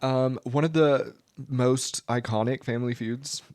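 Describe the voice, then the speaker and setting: Young woman co-host with a low voice, teasing and wry, dry close mic. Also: steady tone, a little slow, warm tone, no room sound. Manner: wry, teasing, laughs often. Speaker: podcast co-host. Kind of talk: casual chat.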